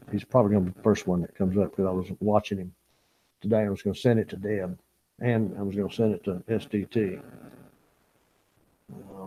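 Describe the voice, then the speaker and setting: A man chats casually on his fishing channel's live stream, rambling between stories and reading viewers' comments aloud with frequent chuckles. His voice sits low and a little husky, with a dark, mellow tone. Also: poor audio. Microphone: small camera mic or lapel.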